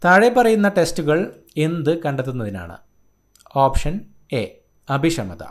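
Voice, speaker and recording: A man's voice: fairly high pitch, sing-song, unhurried. A man from Kerala, an exam coaching tutor, reading out an answer key in short, clipped phrases. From Kerala, India.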